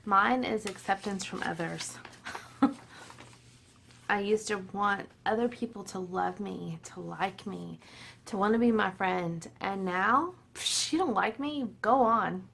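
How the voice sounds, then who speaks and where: Speaking slowly in a medium-pitched voice that is creaky and a bit bright, a woman in her forties talks to the camera at home. She's a little tipsy, chatty and self-deprecating, and keeps breaking into laughter as she addresses her viewers.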